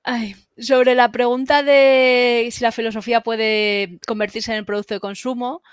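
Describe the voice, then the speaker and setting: Brisk woman host reading questions. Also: fairly high pitch, flat delivery, clear, resonant tone, no room sound, studio quality. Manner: brisk, reads questions aloud quickly. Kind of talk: casual chat.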